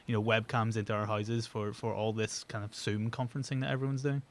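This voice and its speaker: A man's voice: on the low side, little pitch movement, fairly quick, slight background noise. A man co-hosting a casual video-call chat, rambling and playful, often restarting his sentences. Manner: rambling, self-interrupting, playful. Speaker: co-host.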